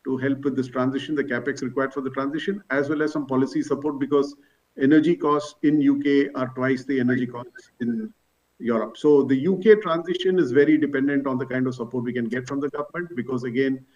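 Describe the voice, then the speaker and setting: A company executive fields analysts' questions on an earnings call, working through his explanations point by point. His medium-pitched voice is a little mellow and fairly even in intonation, and he talks a little fast. The conference call audio sounds distant and slightly dull.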